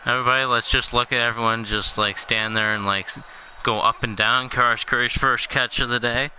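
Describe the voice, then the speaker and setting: A young man calling the plays in casual video game commentary, in a flat, monotone and dryly joking way. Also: medium pitch, a little fast, slight background noise, poor audio. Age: young adult. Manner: monotone, dry jokey delivery. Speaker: play-by-play commentator.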